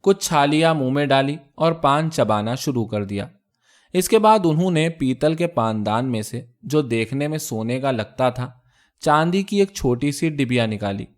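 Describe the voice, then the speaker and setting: A male storyteller reading a translated short story aloud in a measured, even way. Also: mid-range voice. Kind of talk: scripted story narration.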